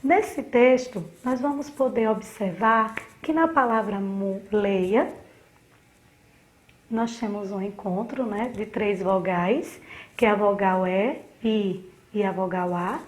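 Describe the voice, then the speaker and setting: A woman's voice: mid-range voice, takes it slowly. A woman from Sergipe in Brazil, a primary school teacher giving a recorded remote lesson to children, patient and fond of diminutives.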